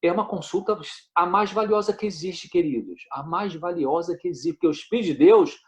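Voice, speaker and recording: A man gives gentle pastoral advice on mental health, often checking in with "né?" and quoting scripture. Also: high voice, brisk, muffled recording. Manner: gentle, frequent "né?", quotes scripture.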